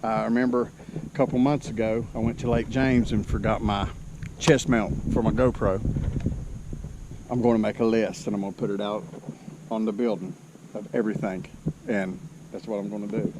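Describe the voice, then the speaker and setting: Breathless and exasperated, a man vlogging about kayak fishing at a lake's boat landing mocks himself and keeps invoking the Lord in this casual outdoor clip. He speaks at a normal speed on the low side with little pitch movement and long pauses, over a noisy background.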